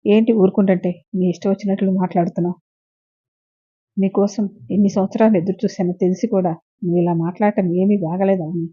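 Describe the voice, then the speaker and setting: A woman's voice: mid-range voice, fairly even intonation, fast talker, husky, no room sound, lightly acted. A woman voicing a pushy, self-pitying young man who pleads insistently, in a dull lo-fi recording. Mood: pleading.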